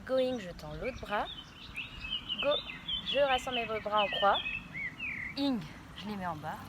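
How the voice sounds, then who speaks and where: A woman's voice: mid-range voice, expressive, unhurried. A woman teaching a dance routine, counting beats aloud and giving short step cues. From France. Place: dance studio. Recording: loud background noise.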